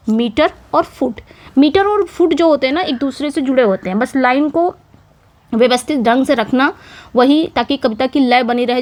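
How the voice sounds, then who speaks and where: A woman with a high voice teaches English poetic meter in an exam-prep lecture. She explains patiently, goes over each point several times, and keeps checking that her students are following. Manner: repetitive teacherly explaining with frequent "theek hai" and "okay" checks.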